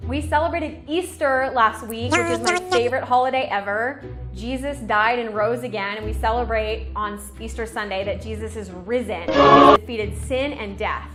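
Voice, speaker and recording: A woman teaching a children's Bible lesson with enthusiastic, expressive storytelling. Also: fairly high pitch, moderate pace, over loud music.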